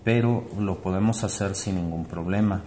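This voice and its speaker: A man's voice: deep voice, moderate pace, dark tone, a little hiss or hum. A man teaching an online acrylic painting class, explaining each step as he paints and often adding tag questions. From Mexico. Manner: explains step by step while painting, thinking aloud. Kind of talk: online art class demonstration.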